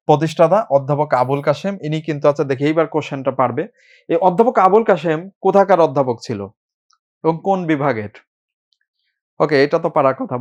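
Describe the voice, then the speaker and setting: A man teaching an admission coaching class, informal and brisk, often checking in with his students. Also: fairly high pitch, a little mellow. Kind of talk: live online class lecture.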